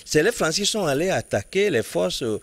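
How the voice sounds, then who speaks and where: A man's voice: fairly high pitch, sing-song, no echo. A man commenting in a studio political debate, arguing insistently and often restarting words as he builds his point. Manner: halting, restarts words while building an argument; emphatic, insistent reasoning.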